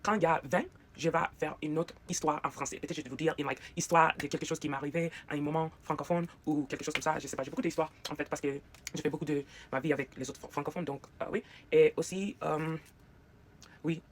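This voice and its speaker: A vlogger with an American accent and English as a first language, chatting casually in a get-ready-with-me video, halting and slipping English fillers into their talk. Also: medium pitch, fairly even intonation.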